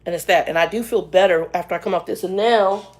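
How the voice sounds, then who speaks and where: A woman in her fifties telling a story to her viewers in a casual, animated way, often laughing. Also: on the low side, fast. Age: 50s. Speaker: vlogger.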